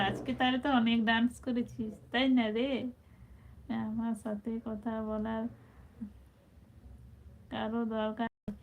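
A woman hosting a casual live stream, chatting affectionately with viewers and reading out their comments. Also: fairly high pitch. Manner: chatty, affectionate, calls viewers brother and sister. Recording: tinny phone-like sound with faint background noise.

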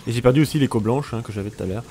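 A man's voice: mid-range voice, very fast, dark tone, a little hiss or hum. A man doing casual, joking commentary over his own gameplay, exclaiming at the action and talking to his viewers. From France. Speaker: let's play commentator.

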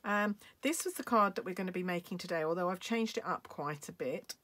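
A woman's voice: lowish voice, a little fast, a bit bright. A woman from the UK chatting through a craft tutorial as a demonstrator, with hiccups interrupting her and plenty of ums. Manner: chatty, apologetic, frequent ums. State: has hiccups.

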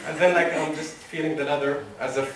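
Pacing the stage of a wood-panelled lecture room, this young adult from Oman gives an animated motivational speech, chuckling at his own stories before a seated audience. He speaks briskly in a fairly high voice. A room microphone captures him from a distance, so the sound is echoey and the background noisy.

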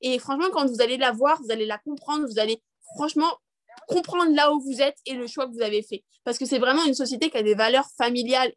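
A woman's voice: high voice, a bit bright, no room sound. A young woman leading a live online training over a video call, chatty and upbeat, with many fillers and restarts. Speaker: network marketing trainer.

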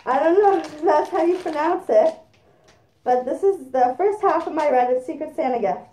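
A woman's voice: sits high, normal speed, warm tone, echoey room, recorded from a distance, low-quality recording. A woman chatting casually as she unboxes gifts while speaking through a costume head. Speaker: vlogger.

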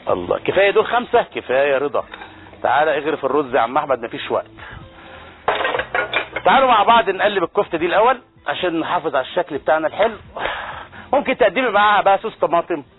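An Egyptian man hosts a TV cooking show at a brisk pace, exclaiming over the food and bantering with his crew. His voice sits a little high. The audio is thin and phone-like, with soft music behind him. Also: very animated. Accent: Egyptian Arabic. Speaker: TV chef and cooking show host. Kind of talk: lively cooking demonstration. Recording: tinny phone-like broadcast audio with faint music.

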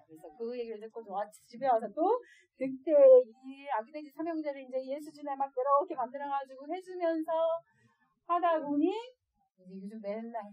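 A woman with a somewhat high voice speaks to a room of parents as an adoptive mother. She tells stories from home in a lively way and laughs often. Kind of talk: storytelling lecture to parents.

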